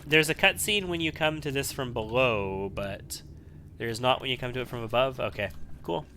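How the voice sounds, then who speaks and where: Male let's player, bright mid-pitched voice, casual and analytical, faint noise behind. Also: normal speed. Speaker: video game let's player. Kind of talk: casual gameplay commentary.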